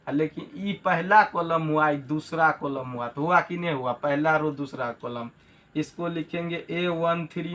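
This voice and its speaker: A man's voice: on the high side, fairly bright tone. A man teaching a math lesson, repeating key terms and asking rhetorical check questions. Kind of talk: classroom lesson.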